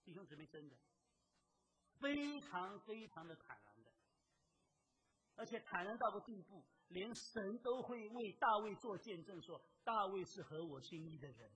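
A preacher in full sermon flow, pressing the congregation with rhetorical question after question. The voice is husky yet bright and forceful. It jumps from loud exclamations down to quiet asides. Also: mid-range voice, expressive, moderate pace, hardly any pauses, low-quality recording.

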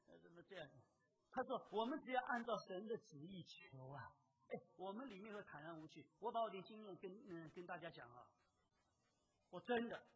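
A preacher delivering a sermon, emphatic and full of rhetorical questions, swinging between loud exclamations and quiet asides. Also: medium pitch, low-quality recording.

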